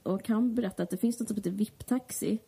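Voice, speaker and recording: A woman co-hosting a casual podcast, frank and sardonic as she rambles along. Her voice has a gravelly fry and a dark, mellow tone. Her pitch sits mid-range. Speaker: podcast co-host. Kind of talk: casual chat.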